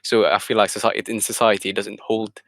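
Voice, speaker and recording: A man's voice: on the low side, little pitch movement, fast, gravelly, a bit bright. A man in a casual podcast chat, speaking hesitantly with many fillers and restarts.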